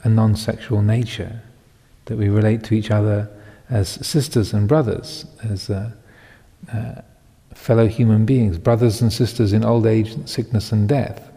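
A Buddhist monk in his fifties giving a Dhamma talk, reflective and halting, with many pauses and soft chuckles. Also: on the low side, vocal fry. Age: 50s. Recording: long hall reverb.

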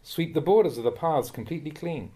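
Mellow-voiced monk reading a stern talk. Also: male voice, on the high side. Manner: measured and admonishing, rising sharply when scolding. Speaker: monk reading teachings aloud. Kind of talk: reading a Dhamma talk aloud. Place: monastery.

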